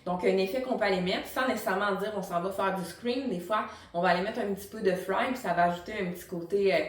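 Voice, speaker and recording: A woman's voice: mid-range voice, fast. A woman with a Quebec French accent giving an informal, encouraging tutorial as a vocal coach, speaking directly to the viewer. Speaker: singing teacher and vocal coach. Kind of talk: tutorial explanation to camera. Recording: roomy echo, distant microphone.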